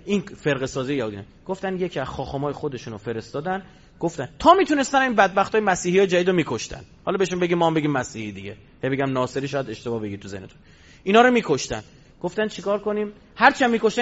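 High-voiced man preaching, lo-fi. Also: fairly bright tone. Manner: asks rhetorical questions and answers them. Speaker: religious lecturer. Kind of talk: storytelling sermon. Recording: dull lo-fi recording.

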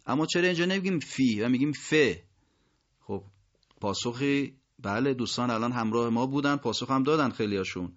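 Guy giving a recitation pronunciation lesson, stretches words out slow, kinda dull lo-fi sound. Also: medium pitch. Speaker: Quran recitation teacher.

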